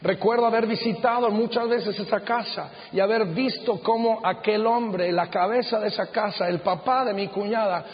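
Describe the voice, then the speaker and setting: Middle-aged pastor guy, high voice, earnest slow sermon, echoey hall, kinda dull muffled sound. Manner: earnest, measured preaching with slow emphatic phrases. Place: auditorium.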